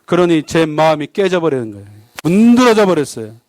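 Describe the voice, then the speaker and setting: A man's voice: fairly high pitch, brisk, dry recording. A man preaching a sermon as a guest pastor at a church service, joking and keeping the congregation involved with constant questions. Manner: lively, jokey, keeps asking the congregation questions.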